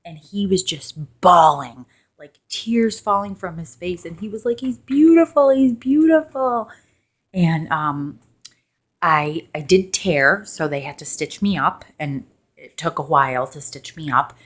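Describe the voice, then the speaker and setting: A young woman telling a personal story in a soft-spoken, sort of ASMR vlog style, chatty and full of "like" and "um". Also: low-pitched, unhurried. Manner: chatty, lots of "like" and "um", hushed in places. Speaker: vlogger.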